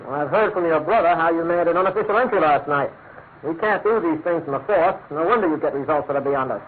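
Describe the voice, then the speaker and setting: A man's voice: fairly high pitch, fast talker, lightly acted. Stern police inspector played by a man. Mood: disapproving. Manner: stern, official. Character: grudging, disapproving English police inspector. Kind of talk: classic British radio drama acting. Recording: tinny, faintly noisy old radio recording.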